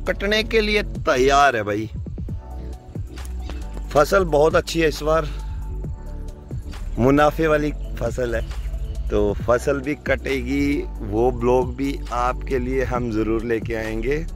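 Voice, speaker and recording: A young adult man from Himachal Pradesh, India, chats informally to viewers in a casual vlog, speaking slowly at medium pitch with frequent pauses. He's filmed outdoors on a phone held at arm's length in a rural farmhouse yard and fields, with music playing under his voice.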